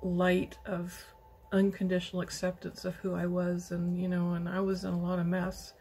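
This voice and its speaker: A middle-aged woman from western Canada telling her personal story in a slow, halting, emotional way, with many pauses and restarts. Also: on the low side, monotone, mellow, slight background noise. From British Columbia, Canada. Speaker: interviewee. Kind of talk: personal testimony.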